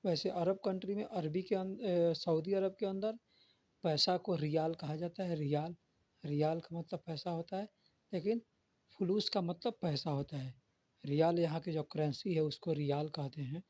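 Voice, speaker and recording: A man's voice: on the high side, steady tone, moderate pace, darkish tone. A man giving a spoken vocabulary lesson, patiently repeating each word and its meaning. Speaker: Arabic vocabulary teacher. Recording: dull, lo-fi dry recording.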